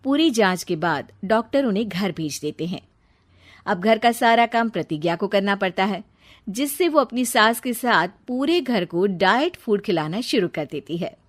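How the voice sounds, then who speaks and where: A woman's voice: mid-range voice, lively intonation, normal speed. A woman narrating a scripted family story in a storybook style. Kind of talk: scripted storybook narration in Hindi cartoon tale.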